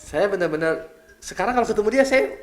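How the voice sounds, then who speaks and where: A middle-aged male pastor from Indonesia preaching in a casual, conversational style, lively and chatty, often tagging his phrases with a quick "ya". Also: high-pitched.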